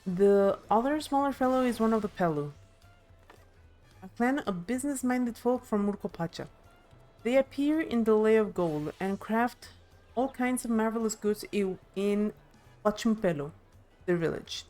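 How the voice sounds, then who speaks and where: A woman streams a live game playthrough, reading scripted dialogue aloud and adding side comments, sometimes stumbling and correcting herself. Her voice is on the high side with lively intonation, normal speed and a darkish tone. Game music plays behind her.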